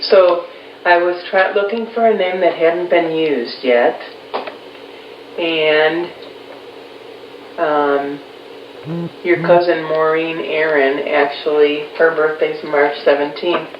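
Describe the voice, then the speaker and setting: A woman in her fifties from Chicago, recalling her childhood in a relaxed family interview with pauses. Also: sits low. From Chicago, USA. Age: 50s. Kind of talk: casual recorded family interview. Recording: roomy, distant, dull, faint hiss.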